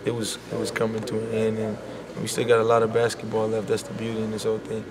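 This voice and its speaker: A young man, a college basketball player speaking softly and sincerely in a media scrum, leaning on "you know.". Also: lowish voice, completely flat delivery, fast, a crowd in the background. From Bahamas. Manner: soft-spoken and heartfelt, full of "you know". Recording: loud background noise.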